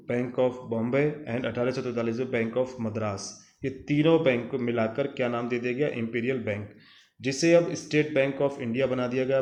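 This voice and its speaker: A man's voice: mid-range voice, a little mellow, echoey room. A man teaching a commerce lesson, repeating dates and answering his own questions, mixing English terms into Hindi. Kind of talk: classroom lecture.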